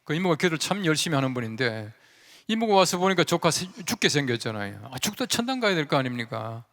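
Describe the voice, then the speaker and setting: A man's voice: on the high side, fast. A male pastor telling a story in a conversational sermon and leading his congregation in call-and-response. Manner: conversational, animated storyteller who acts out quoted voices. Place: large church sanctuary. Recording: reverberant church sanctuary.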